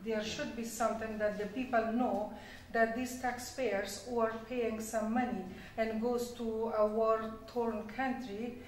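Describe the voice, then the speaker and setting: A woman speaks as an interview guest in a roomy space, some way from the microphone. Her pitch stays fairly flat and she explains things earnestly, pausing often within phrases. There is faint noise in the recording. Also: far from the mic. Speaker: charity representative, interview guest.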